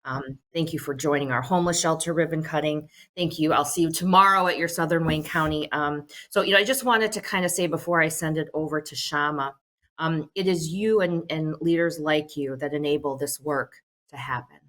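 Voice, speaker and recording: The middle-aged American leader of a social services agency speaks a little fast in a deep, somewhat bright voice. Her prepared telephone town hall remarks are earnest and sprinkled with many "um"s.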